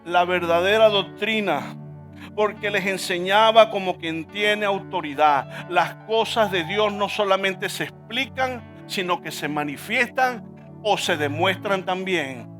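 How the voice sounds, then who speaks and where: A man's voice: high-pitched, unhurried, a bit bright, soft background music. A male pastor preaching a sermon in church, emphatic, often asking the congregation to repeat words after him.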